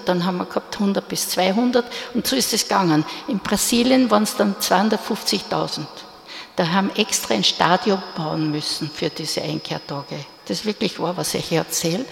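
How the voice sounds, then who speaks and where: A woman's voice: medium pitch, gravelly. An older woman with an Austrian German accent telling her story in an earnest, insistent way. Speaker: speaker giving a testimony. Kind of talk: personal storytelling talk. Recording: echoey hall reverb.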